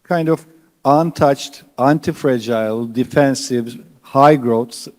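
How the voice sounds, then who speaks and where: Speaking slowly in a large hall, a man with a medium-pitched, slightly mellow voice sits on an investor panel. He is a fund manager, and he earnestly explains his fund's strategy with phrasing that sounds a bit non-native.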